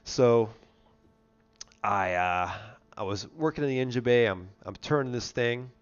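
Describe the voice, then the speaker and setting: Here the live car show host sounds smooth and expressive at a mid-range pitch, taking his time as he chats and spins stories. His voice is worn, nasal and congested, and the stream audio is dull and lo-fi.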